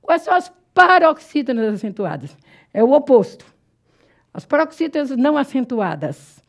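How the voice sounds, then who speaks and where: A Brazilian woman lectures a class on Portuguese grammar, explaining step by step and checking that everyone follows. Her voice is high-pitched and very animated, and she spells out example words slowly, drawing them out.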